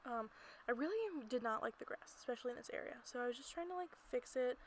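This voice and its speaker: An expressive woman whose voice runs on the high side chats at a quick pace over her gameplay, rambling and giggling. She's an amateur video creator recording in a small closet at home, with noticeable background noise.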